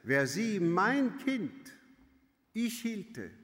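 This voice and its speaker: Scornful maid in a play reading, played by a man, animated, reverberant. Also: sits high, very slow, voice pushed up, exaggerated voice. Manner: sneering, indignant. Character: scornful gossiping serving maid, woman. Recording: long hall reverb.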